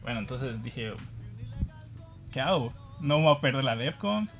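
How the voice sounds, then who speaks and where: A man's voice: medium pitch, expressive, unhurried, a bit bright, soft background music. A man from Guatemala, a guest on the program, telling a personal anecdote in a casual, self-deprecating way, laughing now and then.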